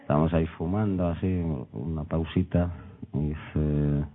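A man from Madrid tells a long, digressive anecdote as a radio guest, full of wry humor and animated asides. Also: rumbling low, measured pace. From Madrid, Spain. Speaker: guest writer. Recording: tinny phone-like line.

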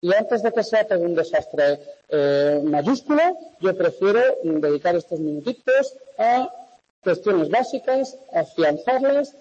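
A man lecturing a class, explaining step by step and checking understanding with quick questions, his voice ringing with heavy classroom echo. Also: high voice, mellow. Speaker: university lecturer. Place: large echoey lecture hall. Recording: muffled echoey hall recording.

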